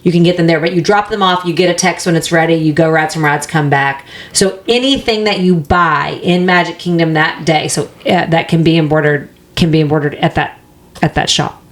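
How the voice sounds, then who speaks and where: A woman co-hosting a podcast in casual chat, animated and storytelling, often saying "like". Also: sits low, fairly quick. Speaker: podcast co-host.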